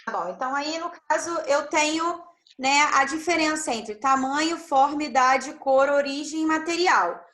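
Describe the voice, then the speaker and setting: A woman's voice: high-pitched, normal speed, hardly any pauses, a bit bright. A woman teaching an English grammar class online over a video call, explaining step by step and checking in with frequent tag questions.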